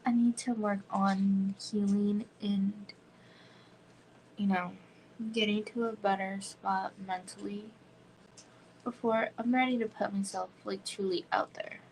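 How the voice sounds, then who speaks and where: Woman in her thirties, home livestream host, gravelly voice, rambling chatty delivery full of "like". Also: medium pitch, steady tone, takes it slowly, a little mellow, slight background noise, low-quality recording. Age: 30s. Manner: rambling, frequent "like" fillers, drops into whispers. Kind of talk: casual chat.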